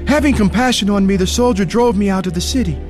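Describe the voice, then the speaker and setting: A man's voice: high-pitched, fast talker, a little mellow, soft background music. A man from Ethiopia narrating his own story in an earnest first-person radio drama. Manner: earnest, pleading when frightened. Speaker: narrator and lead character.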